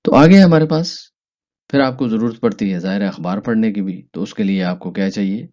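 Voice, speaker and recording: A man teaching German vocabulary in a lesson, stretching each German word out slowly and jumping up in pitch on it. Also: warm tone, soft background music. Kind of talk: language lesson explaining vocabulary. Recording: dull lo-fi recording.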